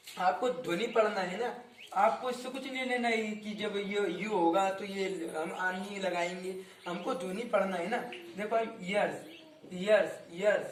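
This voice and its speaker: A man's voice: high voice, slight background noise. A young man teaching a grammar lesson, asking his students questions, repeating words and often correcting himself. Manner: frequent self-corrections. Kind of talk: grammar lesson explained in Hindi. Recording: roomy echo, distant from mic.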